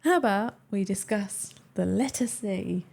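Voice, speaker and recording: A woman's voice: mid-range voice, measured pace, vocal fry, darkish tone. A woman co-hosting a game stream, chatting casually and teasing her co-hosts. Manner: chatty, teasing, laughs easily. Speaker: stream co-host. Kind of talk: casual chat.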